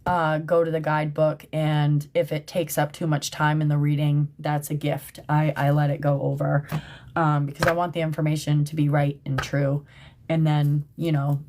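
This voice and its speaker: A chatty woman with a fairly low voice, hosting a casual livestream from her phone. She talks in an emphatic, conversational way and keeps checking in with her viewers. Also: little pitch movement, moderate pace, darkish tone, a little hiss or hum. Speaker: tarot reader and livestream host. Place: at work in a shop.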